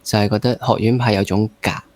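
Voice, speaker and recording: This interview host, a man with a Hong Kong accent, speaks quickly in a fairly low, steady, darkish voice. His casual questioning runs long, with repeated rephrasing, heaped-up examples and bits of English.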